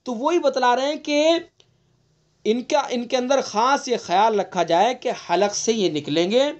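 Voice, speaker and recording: High-voiced man teaching Quran recitation. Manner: explains patiently, repeats key points and demonstrates sounds. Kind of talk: online tajweed lesson. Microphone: online class recording.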